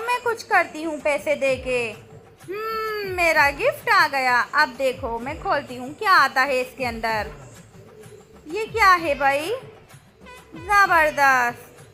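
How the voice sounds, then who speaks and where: A woman's voice: sits high, animated, slow pace, pushed and bright, faint music behind. A woman narrating a cartoon and voicing its characters in an exclamatory, childlike way, with many cries of "oh no" and "wow". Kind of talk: playful cartoon commentary and character voices.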